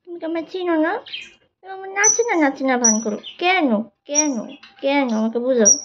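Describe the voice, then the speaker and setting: A woman's voice: sits high, animated, a little fast. A woman, talking to her pet bird while she checks its chicks, scolding and coaxing it with repeated questions. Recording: dull audio with loud bird noise. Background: squawking budgerigars.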